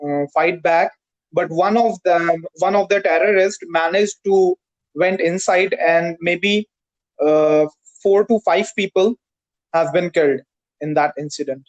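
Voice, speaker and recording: A man's voice: high-pitched, steady tone, dull audio. Hesitant man. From Pakistan. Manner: careful, hesitant, frequent "uh" pauses. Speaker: English learner. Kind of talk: conversation practice. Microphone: video call.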